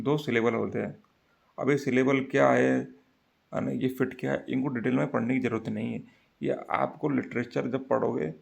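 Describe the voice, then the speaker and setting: Gravelly guy teaching an exam-prep class, keeps repeating the main points. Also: medium pitch. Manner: explains step by step, repeats key facts.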